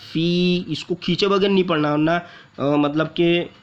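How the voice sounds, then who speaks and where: Man, recitation teacher, patient step-by-step explanations, slightly high voice, muffled lo-fi sound. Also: fairly even intonation, normal speed. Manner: patient, repeats syllables and drags out long vowels while demonstrating. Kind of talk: explaining tajweed rules step by step. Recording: muffled lo-fi audio.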